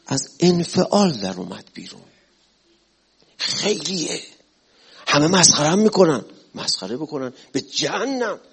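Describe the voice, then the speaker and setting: A man's voice: mid-range voice, gravelly, breathy edge. A man preaching a religious sermon, retelling stories with emotional, exclamatory delivery. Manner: emotional, exclamatory, rising and falling.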